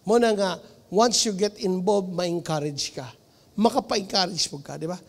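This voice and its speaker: A man's voice: high voice, moderate pace. Preaching Filipino man in an echoey hall. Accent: Filipino, Cebuano-speaking region. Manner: lively preaching, mixing in English, with shouts and laughter. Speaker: pastor. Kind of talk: sermon.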